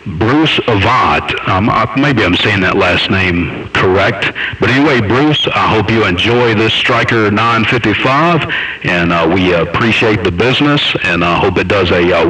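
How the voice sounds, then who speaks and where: A man doing a casual mic check while he talks over a CB radio transmission, addressing the listener directly in a relaxed way. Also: lowish voice, a little slow. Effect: heard over a CB radio transmission. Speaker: radio technician. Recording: radio speaker heard from a distance with faint static.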